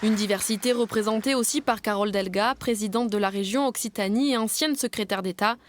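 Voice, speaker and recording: A woman narrates a news report from a script. Her voice is of medium pitch, in the manner of a reporter's voice-over. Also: fairly quick, no room sound.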